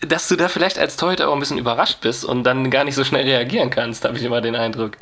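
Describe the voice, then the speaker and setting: A man's voice: medium pitch, fast, a bit bright. Easygoing man in casual football chat. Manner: easygoing, agreeable, short replies. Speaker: podcast co-host.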